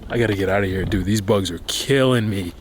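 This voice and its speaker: A man's voice: on the low side, quick pace. A man giving casual, reflective life advice to camera while walking outdoors. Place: outdoors on a walk. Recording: outdoor city ambience, clear background noise. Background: outdoor urban noise, vehicles.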